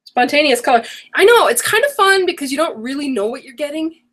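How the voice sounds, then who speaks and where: A middle-aged woman's high, sing-song voice, fairly bright and a little fast, carries a casual live-stream for her online craft workshop. She's chatty, wanders off topic, and corrects herself, with a voice worn from a coming cold.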